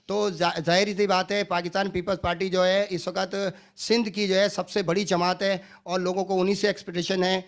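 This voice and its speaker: A man presenting and interviewing for an online channel, formal with filler pauses, on location at a busy party office. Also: high voice, little pitch movement.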